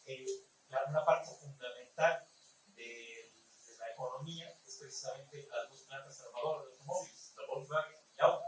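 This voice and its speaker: A man with a Mexican accent giving a formal, measured comment from the audience at a conference. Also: medium pitch. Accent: Mexican Spanish. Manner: formal, measured academic reasoning. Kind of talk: conference question-and-answer comment. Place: conference hall. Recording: very echoey hall, voice far from the mic, faint room noise.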